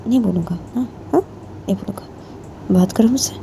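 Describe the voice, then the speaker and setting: A woman voicing a gentle young woman who apologizes and pleads in a soft, half-whispered voice. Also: medium pitch, normal speed, creaky, a little hiss or hum, natural voice. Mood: pleading.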